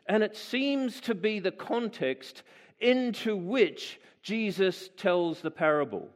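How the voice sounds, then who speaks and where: A man's voice: high-pitched, expressive, takes it slowly, long reverb tail. A man preaching a sermon, reading scripture aloud and then explaining it in a conversational, musing way, asking his listeners questions.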